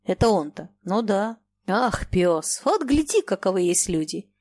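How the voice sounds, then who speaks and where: Gruff blunt merchant dad w a beard, woman reading him, dry close sound. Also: mid-range voice, very animated, a little slow, a little mellow, no echo. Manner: blunt, scolding then fatherly.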